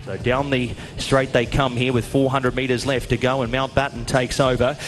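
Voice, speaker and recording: A man's voice: medium pitch, level tone, normal speed, a little hiss or hum. A man calling a horse race live as a race caller, in short running phrases. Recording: music playing behind the voice. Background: music.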